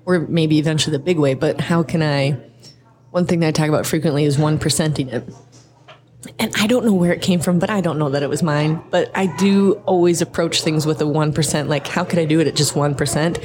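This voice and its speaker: A woman with a low, deep-set voice shares personal stories as a podcast guest. She talks earnestly and chattily, full of casual fillers. She is middle-aged and from the American Midwest. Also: brisk, darkish tone. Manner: earnest storytelling, frequent "like" fillers. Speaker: podcast guest, designer and coach. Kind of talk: casual interview conversation.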